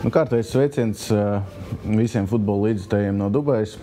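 A man's voice: on the low side, fairly quick, dark tone, soft background music. A man in his thirties with a Latvian accent, interviewing a player, hesitant with many fillers. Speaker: club interviewer. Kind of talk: interview questions. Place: hotel lobby, indoors.

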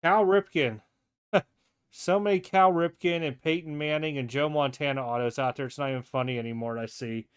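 Man, casual card vlog, home desk, clear smooth voice. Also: a little high, moderate pace. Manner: relaxed, chatty, thinks aloud and self-corrects. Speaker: sports card collector showing mail. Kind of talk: casual show-and-tell vlog.

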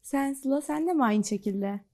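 A woman host with a slightly high, warm and mellow voice. She puts polite, inquisitive questions to her guests in an even, friendly interview manner. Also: normal speed. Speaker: program host.

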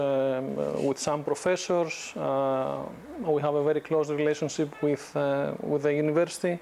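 A Greek man in his thirties gives an informal business lecture to a university class as a guest lecturer, his voice a little high for a man. He's relaxed and conversational, often restarting sentences and using fillers, and a lapel mic keeps him close and clear.

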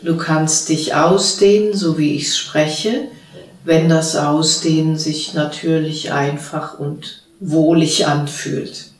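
Female meditation teacher, unhurried and soothing delivery, distant mic, echoey room. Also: low-pitched. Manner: slow, calm spoken instructions with long pauses. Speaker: spiritual teacher leading a meditation. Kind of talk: guided meditation. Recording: roomy sound from a distant mic.

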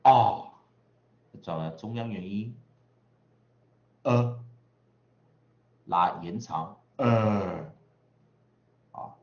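Slow, low-voiced male pronunciation teacher. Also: echoey room, lo-fi sound. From western United States. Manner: chatty, drawn-out vowel drills, frequent tag particles. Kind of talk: online pronunciation lesson.

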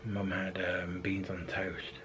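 A man's voice: low voice, monotone, takes it slowly, background noise. A man in his thirties chatting casually to a handheld camera, rambling and hesitant with many ums. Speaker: vlogger. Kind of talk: casual daily vlog. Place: outdoors in a park, then in a car, then at home. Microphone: handheld camera at arm's length.

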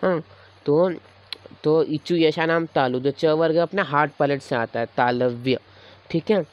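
A man with a slightly raised voice teaches a grammar lesson at an unhurried pace. He says each sound again and again as a patient demonstration. The recording is dull and lo-fi. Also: fairly high pitch.

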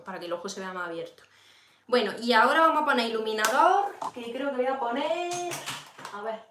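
A chatty woman with a Peninsular Spanish accent walks her viewers through a casual makeup tutorial. She talks to them directly and answers their comments as she goes. Her voice sits at a middle pitch and carries a noticeable room echo. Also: a bit bright. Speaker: beauty livestream host. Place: home room during a livestream. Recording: echoey room.

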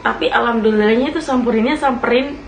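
Speaking quickly in a high-leaning voice, a young woman tells her listeners a ghost story as if chatting with friends, laughing often along the way. The room sounds echoey, with a faint hiss underneath.

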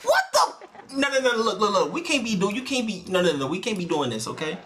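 A young man streaming a joking voice chat in an online game, flustered and stammering, breaking into sudden shouts. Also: high voice, animated, fast. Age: young adult.

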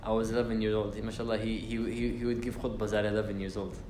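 A young man with a fairly low, darkish voice talks fast in a level tone while leading a casual Quran class in a university lecture room. He recites Arabic verses and speaks with fillers and restarts. The recording is roomy, with a little hiss or hum.

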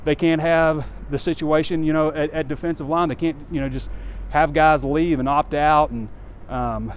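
Recorded on a phone camera held close as he walks, this man in his forties publishes a sports site and talks sports in a candid, rambling, conversational way with plenty of fillers. His voice is a little high and steady, at normal speed. Faint street noise comes from the campus street near a stadium.

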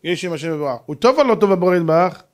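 A middle-aged man, a rabbi, preaching a sermon through a story, swinging from hushed narration to shouts. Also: sits high, lively intonation.

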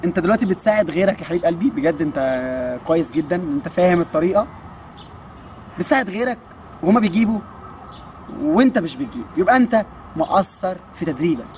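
A man's voice: sits high, expressive, quick pace, a little mellow, a little hiss or hum. A man in his twenties with an Egyptian accent, a kung fu coach answering viewer questions in a joking, teasing way. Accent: Egyptian Arabic. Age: 20s. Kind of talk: casual Q&A.

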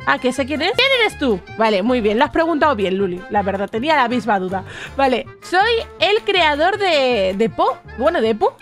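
A young woman with a Spain Spanish accent hosts a casual let's-play, her voice pitched high. She is excitable, bursting into shrieks at scares, and reads game chat aloud in a flatter tone. Faint game music plays behind her. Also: brisk, hardly any pauses. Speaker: gaming YouTuber host.

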